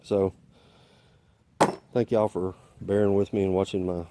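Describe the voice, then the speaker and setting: A man's voice: low-pitched, little pitch movement, measured pace, noisy background. A man casually showing his blades outdoors, a little out of breath, talking in a rambling, self-deprecating way. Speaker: vlogger demonstrating blades.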